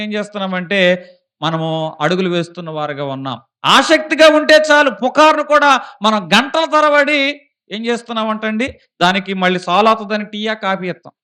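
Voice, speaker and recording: A man's voice: high voice, sharp tone, smooth. A man preaching a sermon as pastor, asking questions of his listeners and rising into emphatic bursts. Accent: Telugu. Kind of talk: Telugu sermon.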